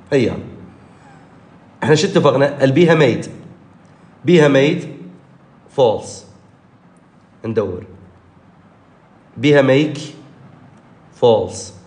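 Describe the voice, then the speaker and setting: A male teacher with an Iraqi Arabic accent, giving an exam review lesson and repeating key points with lively jumps in pitch. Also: measured pace, long pauses, reverberant. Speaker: English teacher.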